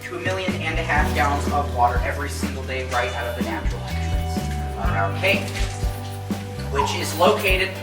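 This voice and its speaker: A woman's voice: low voice, fairly quick, over loud music. A woman giving a guided tour to a group inside a large cave, explaining things and often repeating "very, very" for emphasis, her voice echoing off the cave walls. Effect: cave echo, long reverberation. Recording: echoey cave with long reverb.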